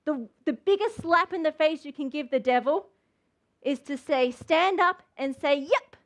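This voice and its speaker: A woman's voice: sits high, moderate pace. A woman preaching a sermon, fervent and emphatic, with lots of repetition.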